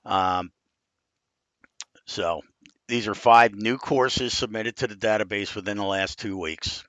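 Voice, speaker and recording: A man in his fifties with a deep, gravelly voice, chatting casually and bluntly as he reviews game courses on a live stream. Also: slow pace, fairly bright tone, no room sound, dull audio. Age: 50s.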